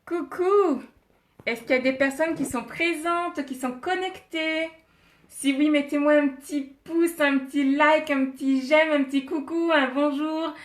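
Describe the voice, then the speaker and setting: A woman's voice: sits high, fairly even intonation, normal speed, reverberant. A woman hosting a casual live stream from her home office, holding her phone in her hand, chatting with viewers, greeting them by name and laughing often. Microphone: phone held in hand.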